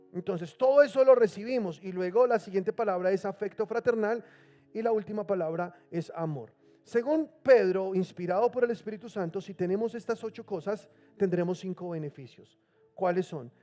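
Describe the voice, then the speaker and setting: High-voiced pastor preaching a sermon. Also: male voice, dark tone. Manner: calls on the congregation to repeat words; reads scripture slowly and emphatically.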